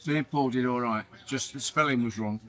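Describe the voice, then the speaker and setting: A man's voice: medium pitch, a little fast, a bit bright. Older man giving brief laconic replies. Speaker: vlogger's father. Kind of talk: casual chat.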